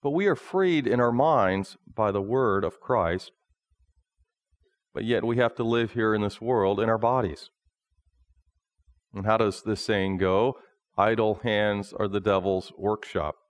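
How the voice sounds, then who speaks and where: A man in his thirties, a pastor preaching a sermon from a lectern in a small church, in a slow, measured delivery. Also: lowish voice, no room sound, studio quality. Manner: slow, measured preaching, often reading from notes.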